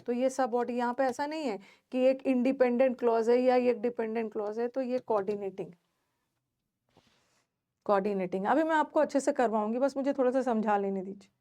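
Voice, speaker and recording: Female grammar teacher, a touch high, patient step-by-step explainer who keeps quizzing her class. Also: a little fast, warm tone. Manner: explains step by step, repeats key words, asks the class questions.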